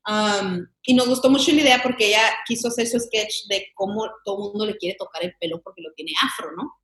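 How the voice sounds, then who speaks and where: A young woman from Mexico talks as a guest in a loose, animated interview, laughing often and trailing off into fillers. Her voice sits at an ordinary pitch for a woman. The room around her rings with a noticeable echo. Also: brisk. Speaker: guest, comedy sketch creator. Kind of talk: casual interview chat. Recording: echoey room.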